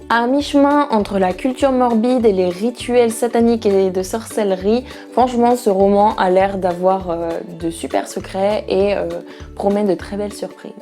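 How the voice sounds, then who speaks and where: Young woman, warm mellow voice, casual chatty book vlog, light music behind. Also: mid-range voice. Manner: chatty, playful, frequent fillers and asides. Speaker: book vlogger. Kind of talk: casual book talk to camera. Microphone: camera mic.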